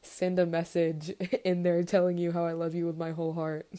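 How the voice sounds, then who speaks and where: Young woman guest, low mellow voice, giggly, fillers. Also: monotone, normal speed. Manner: gushing, lots of fillers and giggles. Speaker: podcast guest. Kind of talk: casual podcast chat.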